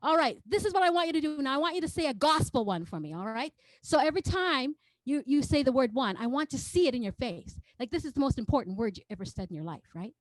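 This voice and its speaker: A woman's voice: sits high, very animated, fast, few pauses, no echo, low-quality recording. A woman teaching rhythm in an online choral workshop, talking with a playful, coaxing energy and counting beats for her group. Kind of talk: interactive online music workshop. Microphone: video call.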